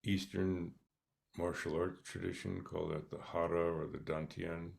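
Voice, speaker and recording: A man leading a guided meditation, speaking softly and calmly with long pauses between short instructions. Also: low-pitched, vocal fry. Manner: slow, calm, soft-spoken instructions with pauses. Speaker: meditation teacher.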